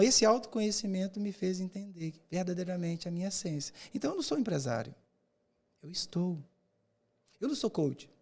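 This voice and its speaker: A man's voice: sits high, a little mellow. A man who mentors public speaking, answering in a podcast interview with emphatic, rhetorical delivery and repeated words for effect.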